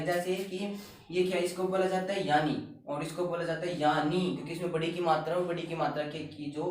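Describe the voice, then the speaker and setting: A man teaching Hindi grammar, explaining spelling in a classroom style and keeping up a string of questions he answers himself. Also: a little high. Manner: repetitive, keeps asking and answering his own questions. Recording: very echoey room, distant mic.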